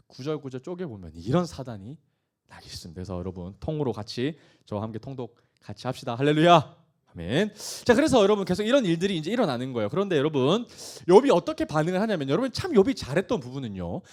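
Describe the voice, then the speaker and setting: Animated pastor man preaching. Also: fairly high pitch. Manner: animated, asks the congregation and answers himself; reads scripture aloud with rising force. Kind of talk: sermon.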